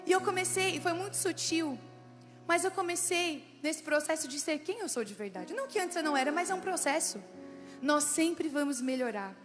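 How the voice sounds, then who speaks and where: High-voiced Brazilian woman preaching in hall. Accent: Brazilian Portuguese. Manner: animated, chatty, addresses audience directly. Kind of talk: lively church talk to women.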